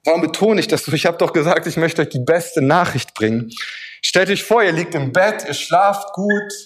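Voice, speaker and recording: A man's voice: on the high side, normal speed. A man preaching a sermon, speaking emphatically and addressing the listener directly with repeated phrases and a vivid illustrative story.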